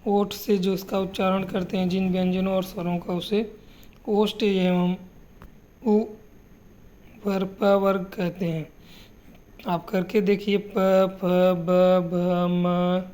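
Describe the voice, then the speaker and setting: A woman teaching a grammar lesson in an unhurried, measured way. Her voice is mellow and warm, at an ordinary pitch. She keeps asking rhetorical questions and answering them, and repeats sounds slowly for students to copy. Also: little pitch movement.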